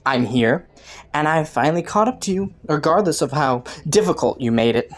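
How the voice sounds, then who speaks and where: A woman's voice: low voice, animated. Woman acting flirty, swooping, teasing criminal Killua. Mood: sly, seductive. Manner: playful, taunting, coy, drawn-out mock innocence. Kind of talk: scripted roleplay audio, intimate monologue to the listener.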